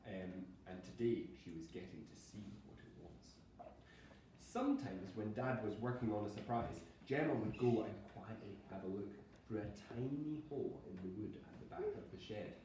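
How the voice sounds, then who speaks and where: The voice is a man's, fairly low-pitched and dark, moving at a normal speed. Teaching a primary school class, he gives simple, patient explanations of words, reads out short examples, and encourages his pupils. Sound comes through a distant mic in an echoey classroom, with faint noise present.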